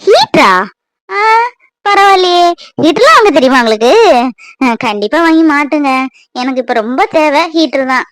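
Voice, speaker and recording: A woman's voice: big pitch swings, normal speed, long pauses, a bit bright, dry recording, studio quality. A woman voicing a whiny, aching young cartoon mother. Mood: complaining. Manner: whiny, scolding, high-pitched. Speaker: mother of a crying baby.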